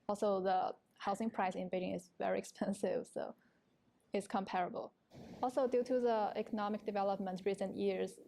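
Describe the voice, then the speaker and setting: A nineteen-year-old woman from China whose first language is Chinese, answering interview questions in a thoughtful, measured way. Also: mid-range voice, gravelly, dark tone. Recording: faint background noise.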